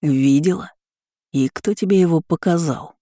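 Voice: moderate pace, dark tone, dry recording, clean studio sound, natural voice. A reader voicing a hot-tempered male gangster in an audiobook, growling and icy. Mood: angry. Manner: low growl, icy and clipped. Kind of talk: audiobook character voice.

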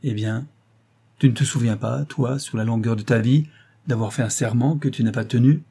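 A man voicing a noble young wife, gentle but resolute, in an audiobook reading with an earnest, solemn manner. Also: medium pitch, fairly even intonation, normal speed, creaky, husky.

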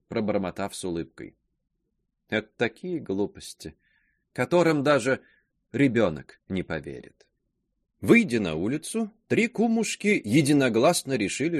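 Man narrating a novel, expressive. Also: mid-range voice, dry recording, studio quality. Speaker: audiobook narrator. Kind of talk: literary narration.

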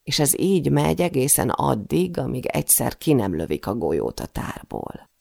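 A woman's voice: a bass voice, very animated, gravelly, mellow, no room sound, studio quality. A woman narrating a first-person novel in a tense, intimate storytelling manner. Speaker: audiobook narrator.

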